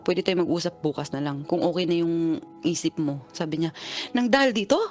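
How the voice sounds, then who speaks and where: A woman in her thirties from the Philippines, calling in to a radio show and telling her story with lively acted-out dialogue. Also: sits low, fairly quick, soft background music. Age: 30s. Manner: animated storytelling, acting out both sides of an argument. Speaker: caller. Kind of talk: phone-in confession.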